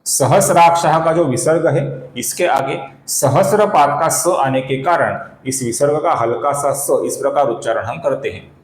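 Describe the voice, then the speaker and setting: A man teaching the correct pronunciation of chanted verses, explaining step by step and chanting the lines slowly. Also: fairly high pitch, roomy sound. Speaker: Sanskrit recitation teacher. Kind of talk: slow spoken tutorial with chanted verses.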